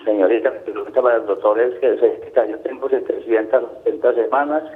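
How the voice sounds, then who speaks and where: A man's voice: mid-range voice, steady tone, fast. A man in his sixties with a Colombian accent, a caller who rambles and repeats himself. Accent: Colombian Spanish. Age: 60s. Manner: repetitive, rambling, keeps saying señorita. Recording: tinny phone line.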